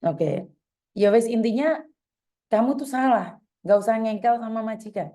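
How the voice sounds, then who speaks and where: A woman's voice: fairly high pitch, moderate pace, warm tone. Firm woman advice host. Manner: firm, scolding, calls caller "dear". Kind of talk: advice phone call.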